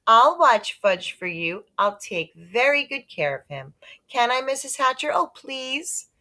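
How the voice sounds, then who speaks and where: A woman's voice: sits high, very animated, unhurried, sharp tone, pitched above the performer's own voice, full character voice. A woman voicing a bossy, eager fourth-grade girl from a children's story, insistent and sing-song. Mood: eager pleading.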